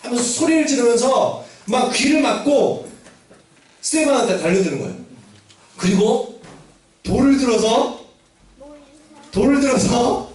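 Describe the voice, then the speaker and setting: High-voiced man teaching children in an echoey hall. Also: sing-song, measured pace, long pauses, darkish tone, far from the mic. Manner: asks children questions, acts out quotes. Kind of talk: children's sermon storytelling. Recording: very echoey room, voice from afar.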